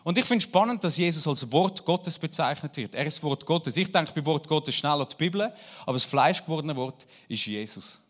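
A man's voice: fairly high pitch, expressive, brisk. A pastor with a Swiss German accent preaching a sermon and speaking personally to his congregation. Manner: warm, personal address to the congregation.

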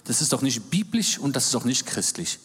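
A man's voice: mid-range voice, big pitch swings, brisk, fairly bright tone, husky. A man in his forties, born in Germany, giving a church talk as a guest speaker in a jovial manner with jokes and amens. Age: 40s. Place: large church hall. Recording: reverberant church hall.

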